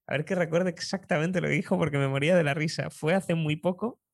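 Young spanish guy, speaking coach, tells funny stories all animated, dry close sound. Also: a little high, quick pace, creaky, no room sound. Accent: Spain. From Spain. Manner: lively storyteller, chuckles often. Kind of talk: anecdotal interview storytelling.

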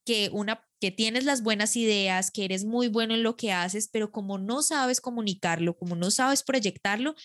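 A woman's voice: medium pitch, normal speed, few pauses, a bit bright. A woman hosting an interview, asking long, enthusiastic, winding questions. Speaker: interview host. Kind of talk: conversational interview.

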